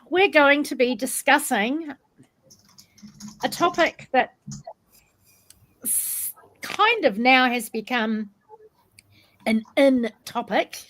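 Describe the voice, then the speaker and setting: A woman's voice: sits high, a bit bright, low-quality recording. A woman with a New Zealand accent hosting a casual podcast discussion in a chatty, informal way. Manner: chatty, informal, greets in Maori. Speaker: podcast host.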